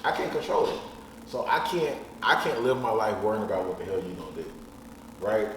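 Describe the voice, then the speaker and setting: Frank man in his thirties, fairly low voice, talking casually from off the mic in an echoey room with faint hiss. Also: very animated, a little fast, far from the mic. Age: 30s. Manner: blunt, frank, swears casually. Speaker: podcast guest. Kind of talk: casual chat.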